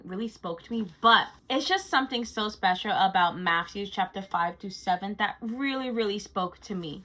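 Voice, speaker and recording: A woman's voice: mid-range voice, sharp tone, low-quality recording. A woman vlogger chatting casually through a monthly recap, gushing and chatty with frequent fillers. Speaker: lifestyle vlogger.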